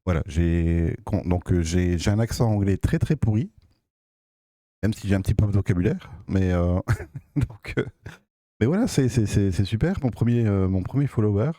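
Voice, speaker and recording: A man's voice: fairly low pitch, expressive, moderate pace, mellow, dry recording, clean studio sound. A man with a Belgian French accent giving casual, somewhat hesitant live commentary as a game streamer.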